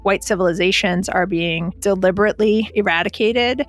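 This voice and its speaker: Woman explaining clearly as an expert. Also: medium pitch, moderate pace, soft background music. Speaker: expert guest. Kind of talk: interview answers.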